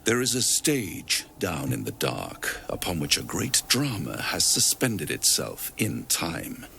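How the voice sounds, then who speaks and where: Game devil: suave, smug, grandly theatrical menace; bright, forceful edge, unhurried delivery. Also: male voice, low-pitched, wildly swooping pitch, vocal fry, soft background music, full character voice. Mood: foreboding. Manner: theatrical, ornate, rhyming, relishing each word. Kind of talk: dramatic video game voice acting.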